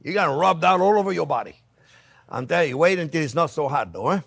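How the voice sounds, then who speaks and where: A man's voice: a little high, expressive, fast, creaky, a bit bright, a little hiss or hum. A man hosting a cooking demonstration, talking casually and playfully to viewers as friends, with exuberant, repeated catchphrases. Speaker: chef hosting a cooking channel.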